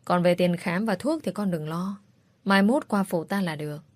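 A woman voicing a kindly older village healer who calmly reassures a young woman. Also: on the low side, moderate pace, no room sound, close to an everyday voice.

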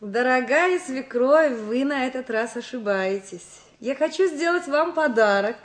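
A determined daughter-in-law of middle age in a family drama. Her voice is high and animated, yet she speaks deliberately and firmly. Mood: earnest, announcing. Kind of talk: naturalistic drama acting.

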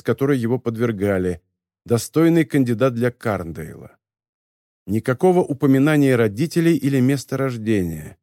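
Brief: male narrator, fairly high voice, lively intonation, close dry sound. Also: no room sound. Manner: expressive storytelling. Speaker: audiobook narrator. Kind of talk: scripted narration.

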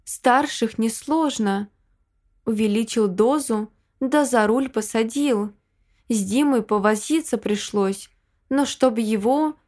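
A cruel killer squeezes out his words in a forced, strained voice as he gloats over his crimes, voiced by a woman reading. The voice is slow and a touch high. It is storybook villain speech. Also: a little mellow. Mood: gloating. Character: cruel gloating male murderer.

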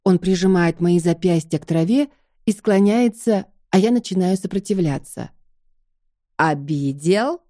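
Woman reading an audiobook, calm and even, lowish mellow voice, dry close sound. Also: moderate pace. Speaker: narrator. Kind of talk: scripted audiobook narration.

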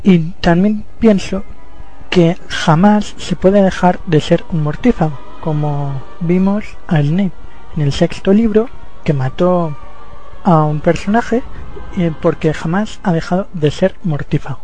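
Male listener, higher mellow voice, faint music. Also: measured pace, rough recording. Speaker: listener sending a comment. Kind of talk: read-out voice message.

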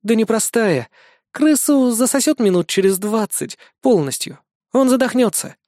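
A man voicing a curt, sharp-tongued young woman in an audiobook. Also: high-pitched, animated, normal speed, no echo, studio quality, voice pushed up. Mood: stern. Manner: curt, caustic.

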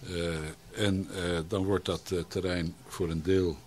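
A man answering questions on a local radio show as a municipal official, speaking haltingly with many pauses and restarts. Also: deep voice, level tone, darkish tone, a little hiss or hum. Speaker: local alderman as radio guest.

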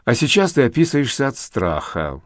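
A man's voice: mid-range voice, very animated, moderate pace, dry recording, clean studio sound, natural voice. A man voicing a spiteful, vengeful woman who speaks in a bitter, accusing way, in an audiobook.

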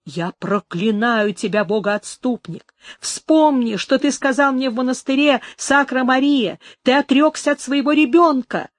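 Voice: measured pace, no room sound. A narrator voicing a desperate young woman who cries out in terror and rage against an attacker, in a dramatized audiobook. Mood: furious. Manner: high, loud, cries out in terror and fury.

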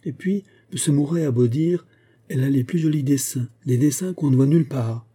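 A man's voice: mid-range voice, normal speed, dark tone, husky, voice pushed up, close to an everyday voice. A man voicing an elegant society hostess who speaks with emphatic assurance. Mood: self-assured.

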